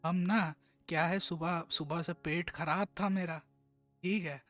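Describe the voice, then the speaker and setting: A man's voice: on the high side, fairly even intonation, a little slow, fairly bright tone, faint music behind, pitched below the performer's own voice. A man voicing a sheepish teenage schoolboy who mumbles his pleas to his friends. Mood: pleading.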